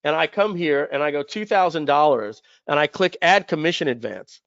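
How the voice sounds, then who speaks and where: A man presenting a software demo on a webinar in a chatty way, often acting out quick bits of dialogue. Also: on the high side, lively intonation, dry recording, muffled recording. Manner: chatty, acts out quoted dialogue. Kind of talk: webinar screen-share demo.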